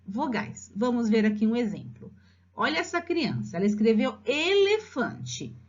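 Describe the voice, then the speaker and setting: Lively Brazilian woman teaching literacy. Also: a little high. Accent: Brazilian Portuguese. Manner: lively, drawn-out slow spelling of syllables. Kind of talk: explanatory lesson for parents. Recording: slightly dull lo-fi recording.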